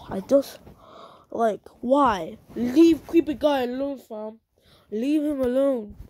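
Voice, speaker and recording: A woman's voice: high voice, takes it slowly, dark tone, a little hiss or hum. A woman hosting her own channel, ranting angrily in repetitive slang and swearing a lot. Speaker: channel host. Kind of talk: angry ranting vlog.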